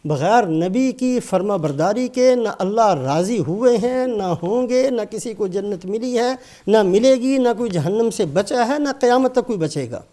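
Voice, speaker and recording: A man's voice: high-pitched, lively intonation, dark tone. An older man giving a sermon with Quran commentary, emphatic and rising and falling, breaking into Arabic recitation.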